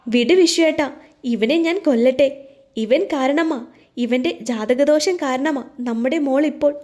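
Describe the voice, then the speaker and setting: A woman's voice: high voice, measured pace, darkish tone. A woman voicing a grieving mother who screams accusations in a frantic, wailing voice, in an audio story.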